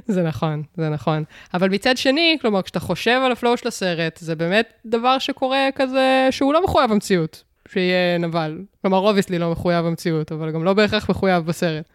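Articulate woman guest, smooth voice. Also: on the low side, no room sound, studio quality. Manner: articulate, measured and lightly wry. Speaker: podcast guest. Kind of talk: casual podcast chat.

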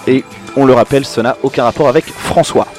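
A man's voice: medium pitch, quick pace, a little mellow, faint music behind. A man hosting a casual podcast chat, playful and giggly, with lots of filler words. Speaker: podcast host.

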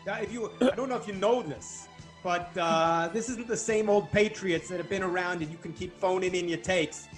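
Sarcastic high-voiced co-host. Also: male voice, moderate pace, faint music behind. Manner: teasing, sarcastic quizmaster. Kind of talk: comedic sports radio banter.

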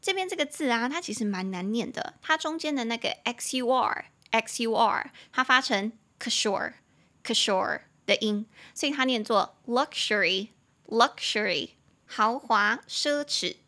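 With a voice on the high side, a young woman hosts a casual podcast teaching English, going over words and spelling them slowly while sounding lively and amused with herself.

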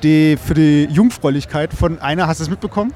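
A young man jokes around in casual banter, rambling through loose stories conversationally. His voice is on the high side and dark in tone, and he talks fast.

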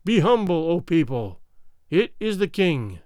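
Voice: medium pitch, big pitch swings, measured pace, darkish tone, dry recording, studio quality. A man reading an audiobook voices a wizened, monkey-like herald with a thin, piping voice that shrills out proclamations. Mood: proclaiming.

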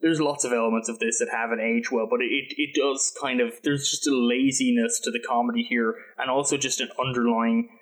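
A man's voice: medium pitch, fairly even intonation, a little fast, few pauses. A man who grew up in the UK, talking loosely through a film in a podcast chat, with lots of fillers and restarts. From United Kingdom. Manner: rambling, hesitant, with many fillers and restarts. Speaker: podcast co-host. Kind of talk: casual film-review chat.

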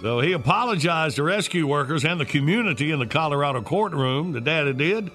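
A man's voice: fairly high pitch, expressive, fairly quick, fairly bright tone, faint music behind. A man hosting a morning radio show with upbeat banter, talking to callers in a folksy, familiar way.

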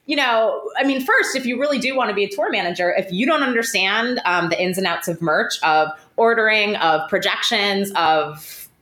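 A woman hosting a podcast interview, telling stories in an animated, chatty way with lots of fillers and restarts. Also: medium pitch, normal speed, reverberant. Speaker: podcast host. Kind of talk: conversational interview storytelling.

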